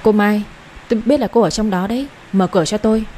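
A woman's voice: medium pitch, fast, dark tone, a little hiss or hum, close to an everyday voice. A woman voicing a stern, domineering older mother who talks curtly and gives orders. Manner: curt, commanding, impatient.

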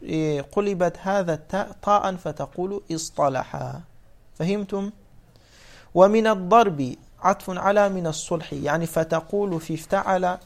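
A man giving a classroom explanation, often asking students whether they follow and then answering his own questions. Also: sits high. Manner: asks the class questions and answers them himself; repeats points slowly and emphatically. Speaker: teacher of Arabic morphology.

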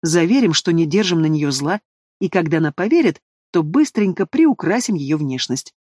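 A spiteful, scheming stepmother from a fantasy audiobook spits out her hatred, as a man puts her on. The voice sits high and is recorded close and dry. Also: expressive, normal speed, a little mellow, no echo. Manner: venomous, hissing with hatred. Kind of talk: audiobook character voice.

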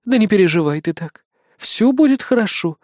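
Man voicing a purring sly queen lady, soft and smug, dry sound. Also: high-pitched, expressive, normal speed, no echo, pitched above the performer's own voice. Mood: calm. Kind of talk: audiobook character voice.

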